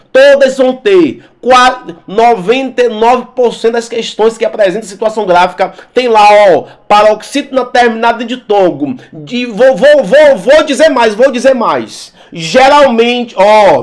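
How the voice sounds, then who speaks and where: A high-pitched male teacher gives a lively exam-prep lesson, speaking directly to his students and repeating words for emphasis.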